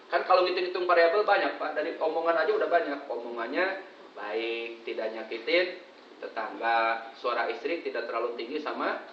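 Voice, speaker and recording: A man with a Sundanese accent giving a humorous religious talk to pilgrims, telling lively stories and mimicking people. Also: mid-range voice, brisk, slight background noise. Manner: jokey, lively storyteller who mimics voices. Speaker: preacher. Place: hotel hall in Makkah. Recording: echoey room, distant dull mic.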